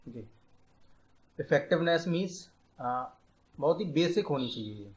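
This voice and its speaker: Man slowly explaining computer science. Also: a little high, expressive, darkish tone, low-quality recording. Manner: explains step by step, mixing English terms into Hindi, slows down to dictate definitions. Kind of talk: explaining a lecture.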